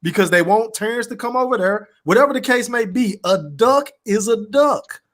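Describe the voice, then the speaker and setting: A man with a distinctly high-pitched voice argues in a casual sports debate. He challenges with pointed questions and needles his opponent in loose, teasing slang. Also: lively intonation, normal speed, fairly bright tone. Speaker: debater questioning others on a boxing talk show.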